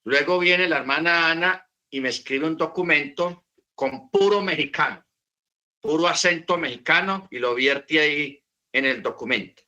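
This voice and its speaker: A man's voice: a little high, normal speed, bright, forceful tone, dull audio. A man teaching about the Bible in an unscripted talk, repeating his points and asking rhetorical questions.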